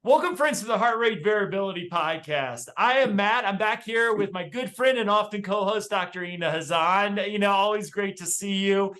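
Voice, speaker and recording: A man's voice: high voice, normal speed, few pauses, fairly bright tone. A man hosting a podcast, introducing a guest in a friendly, enthusiastic way with many uh fillers. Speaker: podcast host. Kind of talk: casual podcast interview.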